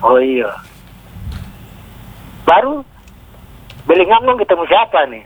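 A man calls in to a radio show over a tinny, glitchy phone line, and his voice keeps cutting in and out. He sounds high-pitched. He chats cheerfully and laughs easily. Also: very animated, slow pace, husky. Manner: cheerful, chatty, laughs often. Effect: choppy, breaking-up phone call. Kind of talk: casual chat.

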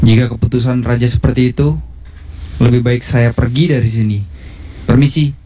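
A man's voice: medium pitch, fairly even intonation, normal speed, mellow, lightly acted. A man playing a proud, determined warrior in a historical drama, speaking formally and firmly. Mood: proud, resolute. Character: proud, determined warrior seeking royal command post. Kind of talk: Indonesian historical drama dialogue.

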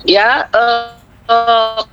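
Female radio caller, a midwife, on a choppy WhatsApp line that breaks up; high and slow, muffled sound. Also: little pitch movement, a bit bright. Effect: phone call breaking up, choppy signal. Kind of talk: calling in to a radio talk show. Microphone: phone. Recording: muffled WhatsApp call with faint music.

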